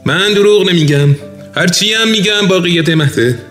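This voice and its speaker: A man's voice: high voice, fairly bright tone. A man playing a boastful, touchy quiz contestant who calls himself a French star, speaking in pompous rhymes. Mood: menacing. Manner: rhyming, pompous, quick to take offense. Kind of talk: comedy sketch acting. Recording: roomy echo, faint music.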